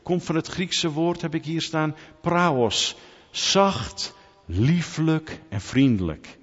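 A man preaching a sermon in church, animated and lively, swinging from quiet asides to loud, urgent calls. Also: on the high side, takes it slowly, soft background music. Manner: animated preaching, rising to near-shouts when quoting. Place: church hall. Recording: muffled sound in a large reverberant hall.

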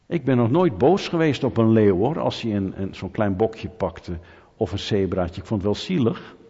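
A man preaching a sermon in a lively, rhetorical way, putting questions to his audience and joking with them. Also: lowish voice, normal speed, husky. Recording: dull sound with long hall reverb.

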